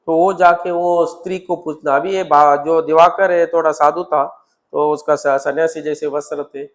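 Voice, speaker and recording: A man's voice: on the high side, steady tone, normal speed. A man with an Indian accent preaching a sermon, telling the story with acted-out dialogue and repeated words. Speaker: temple preacher.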